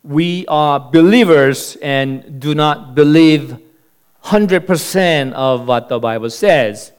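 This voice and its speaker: A man preaching a sermon as pastor, telling a joke in a slow, deliberate storyteller's manner. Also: on the high side, clean tone.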